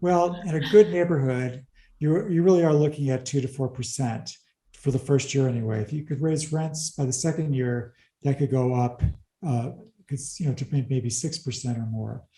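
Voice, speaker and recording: A man explaining real estate figures in an interview, talking fast through the numbers with wry asides. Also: mid-range voice, warm tone, echoey room, rough recording. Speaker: commercial real estate advisor.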